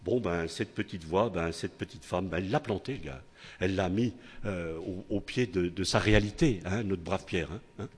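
An older man preaching a sermon with a husky voice, in a chatty style that keeps tossing tag questions to his listeners and restarting phrases. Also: low-pitched, moderate pace. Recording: long hall reverb.

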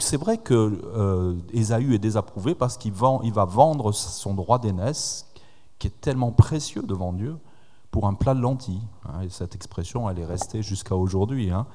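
A man's voice: fairly low pitch, warm tone. Preacher man in a reverberant hall. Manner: retells scripture with quoted dialogue, asks the congregation questions. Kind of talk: sermon.

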